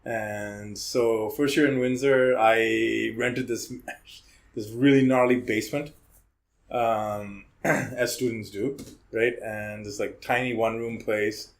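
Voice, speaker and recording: He speaks slowly, with a steady tone, fairly low pitch and vocal fry. A criminal defense lawyer in his forties raised in Hong Kong, he's a guest on a casual podcast, talking freely as a chatty storyteller who often tags sentences with "right?".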